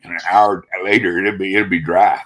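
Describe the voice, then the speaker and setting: A man's voice: sits low, little pitch movement, a little fast, fairly bright tone. A man in his sixties chatting casually, drawling and swearing easily. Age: 60s. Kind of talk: casual chat.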